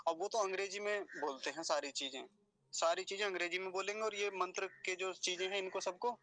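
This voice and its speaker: A man teaching Sanskrit pronunciation, explaining step by step and patiently repeating syllables slowly and deliberately. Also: sits high, sharp tone. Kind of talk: pronunciation lesson.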